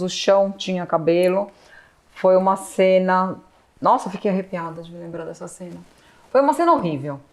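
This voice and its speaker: A grown daughter telling a moving family story in casual conversation, tearful at moments and acting out the dialogue she quotes. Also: medium pitch. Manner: animated, acts out quoted dialogue. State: tearful at times.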